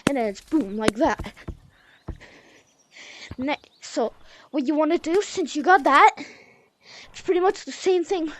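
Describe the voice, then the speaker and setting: A young woman with a high voice talks through game moves in a loose, chatty way, dropping y'all and like as she goes. She sounds a little out of breath. A faint hiss of noise sits under the voice. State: a bit out of breath. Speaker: gaming tutorial host. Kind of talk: casual game tutorial.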